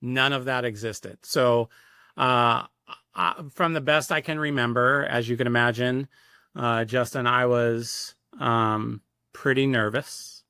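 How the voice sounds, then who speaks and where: In a clean, echo-free studio recording, a sports public address announcer from Sacramento, California, reminisces as a podcast guest. The middle-aged American speaks slowly in a clear, resonant, sharp medium-pitched voice, his conversational phrasing reflective and somewhat hesitant.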